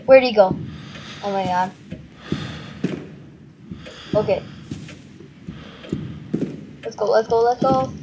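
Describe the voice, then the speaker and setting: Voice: medium pitch, takes it slowly, long pauses, noisy background. A horror game streamer, scared and jumpy, exclaiming nervously while playing. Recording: loud game music behind voice.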